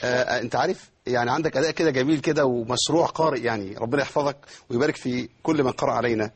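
Egyptian man as recitation teacher, rapid and a little raspy, calls on students and models verses slowly. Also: medium pitch. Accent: Egyptian Arabic. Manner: quizzes students by name, demonstrates verses slowly. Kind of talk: tajweed lesson with students.

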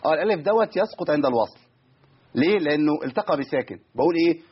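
A man with an Egyptian Arabic accent teaching Quran recitation on a radio call-in, patiently correcting callers and slowly demonstrating pronunciation. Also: fairly high pitch, animated, slightly rough. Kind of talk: live radio call-in lesson. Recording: dull lo-fi radio broadcast.

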